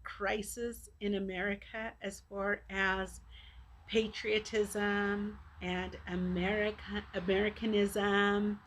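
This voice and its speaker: A woman giving an earnest personal video message to supporters, speaking haltingly in short phrases as a charity fundraiser. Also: medium pitch, poor audio. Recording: clear background noise.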